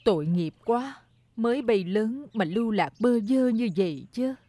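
A woman voicing a kind, wealthy lady who speaks gently and like a mother. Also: fairly high pitch, animated, measured pace, no echo. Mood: kindly.

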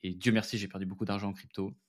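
A man's voice: deep voice, level tone, rapid-fire. A French man hosting a casual solo podcast, talking candidly and chatting straight to his listeners as friends. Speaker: podcast host and founder.

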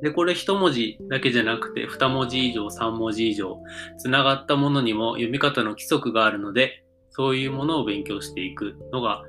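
A man presenting English pronunciation tips in a casual solo talk, relaxed and thinking aloud with fillers as he explains. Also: medium pitch.

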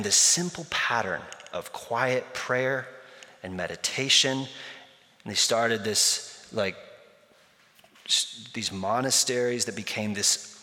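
A man preaching to his congregation with a bright, forceful voice at a middle pitch. He talks through stories in a loose, conversational way, and the church hall gives his words a long echo. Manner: conversational preaching with storytelling asides. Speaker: pastor. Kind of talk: sermon.

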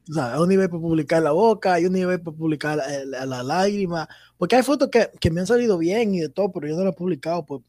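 A man's voice: sits high, quick pace, mellow, dry recording, clean studio sound. A man who takes church photos, chatting casually on a podcast and laughing often.

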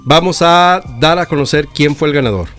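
A man's voice: on the high side, a little fast, fairly bright tone, faint music behind. A man with a Mexican accent chatting casually as a co-host on a radio show.

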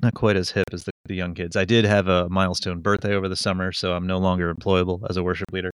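A Connecticut podcast co-host in his forties chats casually, rambling and poking fun at himself with plenty of fillers and restarts. His deep voice barely moves in pitch and comes quickly, captured cleanly and dry on a studio microphone at studio quality.

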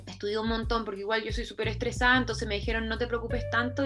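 A young Chilean journalist and presenter tells her story chattily during an online talk given over a video call. She speaks Chilean Spanish in a fairly high, fairly bright voice.

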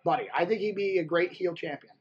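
A man's voice: high voice, fast talker, a crowd in the background. A man co-hosting a podcast in casual chat, opinionated and joking in his commentary. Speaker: wrestling podcast co-host. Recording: dull, lo-fi audio.

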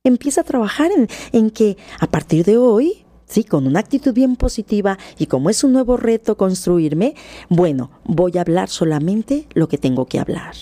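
A woman with a Mexican accent hosting a motivational radio talk, animated and coaxing, often checking in with the listener. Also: mid-range voice, normal speed, dry recording. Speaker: radio host.

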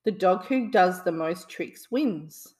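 A woman reading the lines of an eager young cartoon duck boy in a storybook, pleading and excited. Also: on the low side, slow pace.

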